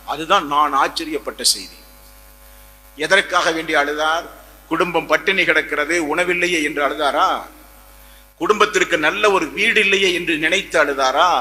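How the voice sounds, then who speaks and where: A man's voice: on the high side, sharp tone. A man preaching an Islamic sermon, emphatic, repeating phrases and asking rhetorical questions. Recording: long hall reverb.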